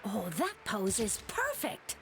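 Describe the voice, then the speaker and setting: A woman voicing an excited, admiring young festival fan in a video game, gushing in exclamations. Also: medium pitch, slow, gravelly, exaggerated voice. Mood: thrilled. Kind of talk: animated video game voice acting. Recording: music behind the voice.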